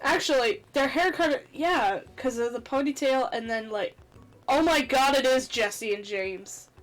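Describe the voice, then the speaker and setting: Woman, high-pitched voice, expressive game narration, casual commentary, theatrical delivery. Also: measured pace, soft background music, rough recording. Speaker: gaming video host. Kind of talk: reading game dialogue aloud with commentary.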